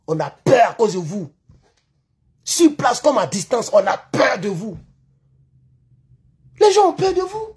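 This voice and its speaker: A man's voice: very high-pitched, very animated, unhurried, long pauses, a little mellow, breathy edge. A man from the Ivory Coast with an Ivorian French accent, delivering a heated political rant as a YouTube commentator in an impassioned, accusatory way, repeating himself for emphasis.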